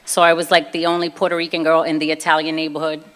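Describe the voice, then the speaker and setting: A woman from Brooklyn, New York, with a Brooklyn accent, tells her own story in an informal personal talk, speaking conversationally and acting out snippets of dialogue. Her voice is deep and a bit bright, delivered fast and in a monotone.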